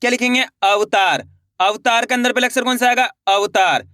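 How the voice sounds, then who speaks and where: A young man with a strikingly high, sharp, crisp voice leads a children's spelling lesson, stretching every syllable and firing quick questions back at the class. He repeats each word again and again in a patient call-and-response drill. The recording is close and dry, with no room sound. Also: no echo. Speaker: Hindi writing teacher.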